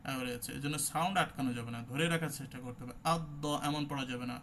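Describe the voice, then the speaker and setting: A man's voice: mid-range voice, steady tone, rapid-fire, fairly bright tone, a little hiss or hum. A man teaching an online Quran recitation class, explaining letter sounds and demonstrating each one.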